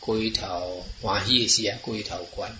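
A man's voice: lowish voice, steady tone, a little fast. A man talking casually and at length, rambling along with many fillers and switching between languages. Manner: rambling, mixes in Chinese and English words, many "ah" fillers. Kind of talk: casual explanatory talk. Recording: muffled, roomy, noisy recording.

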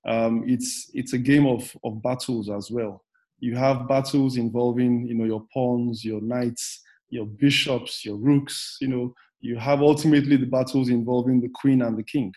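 A man's voice: medium pitch, steady tone, normal speed, darkish tone. A male researcher guesting on a podcast, speaking thoughtfully with frequent ums and you-knows. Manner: thoughtful, hesitant with fillers. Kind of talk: podcast interview.

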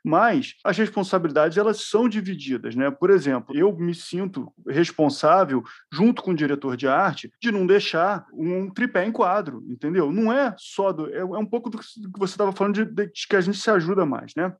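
A man's voice: high-pitched, lively intonation, normal speed, few pauses, slightly rough. A man with a Brazilian Portuguese accent, a cinematographer, talking in a reflective, conversational way and often ending his points with a tag question. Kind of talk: conversational interview.

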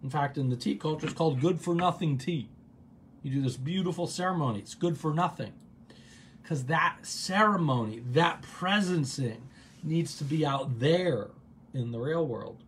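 A man hosting a guided gratitude practice on a livestream from his office, calm and unhurried, repeating words in a soft, low voice. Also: a little hiss or hum. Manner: calm, drawn-out repetitions dropping soft and low. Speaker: meditation host.

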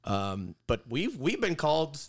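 A man's voice: on the high side, huge pitch swings, a little slow, breathy edge. A young man, co-hosting a podcast with rambling, casual, swearing talk. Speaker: podcast co-host. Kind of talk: casual chat.

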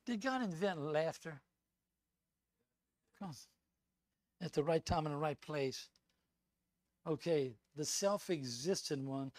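A male guest preacher delivering an emphatic, animated sermon full of asides and repetitions. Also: high voice, no room sound.

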